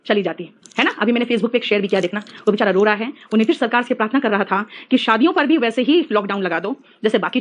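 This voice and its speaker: Brief: middle-aged woman teacher, high-pitched, playful and scolding, lecturing a class. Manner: lively, teasing, mixes English phrases into talk. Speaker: English teacher.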